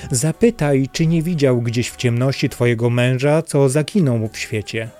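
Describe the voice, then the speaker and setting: A man voicing the sun in a fairy tale, a mighty, radiant figure with a booming, commanding yet kind manner. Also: normal speed, darkish tone, faint music behind, close to an everyday voice.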